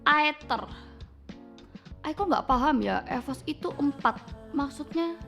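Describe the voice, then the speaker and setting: A woman's voice: high voice, lively intonation, moderate pace, vocal fry, soft background music. A young woman with an Indonesian accent hosting a casual livestream, chatting playfully with her viewers and reading their comments aloud. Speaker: livestream host.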